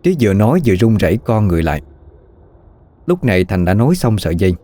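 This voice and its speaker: A man narrating a horror story in a measured, even way. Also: on the low side. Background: faint music.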